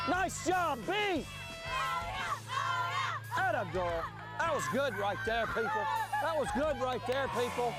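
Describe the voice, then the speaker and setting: A softball coach wearing a body mic, hollering quick encouragement to his players at an outdoor field. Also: very high voice. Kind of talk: live coaching from the dugout. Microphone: wireless body mic.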